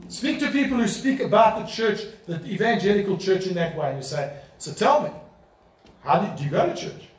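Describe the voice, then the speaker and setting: A man with a high voice preaches a sermon, pressing his points with emphatic rhetorical questions. He is picked up from some distance, and the church hall around him rings with echo. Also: animated, fairly quick. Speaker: pastor. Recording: echoey room, voice from a distance.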